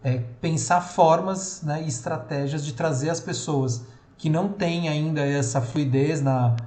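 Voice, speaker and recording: Trainer, male, São Paulo accent, fairly high voice, loose and chatty delivery, roomy echo. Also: measured pace, a little mellow, slight background noise. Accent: São Paulo Portuguese. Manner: casual, many fillers and restarts. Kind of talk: online training session.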